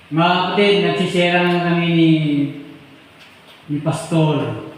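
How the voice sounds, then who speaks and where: A male pastor preaching with fervor, pressing his congregation for responses. His voice sits high for a man. The sound booms through a church hall with a long, roomy reverb. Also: slow pace. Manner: fervent, calls for response. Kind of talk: impassioned sermon.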